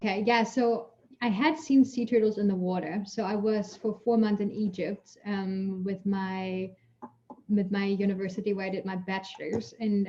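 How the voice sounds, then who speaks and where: A German guest scientist, a native German speaker, chats through casual Q&A answers in a mid-range voice, telling lively stories packed with fillers and laughing as she talks. The call audio sounds muffled and mellow.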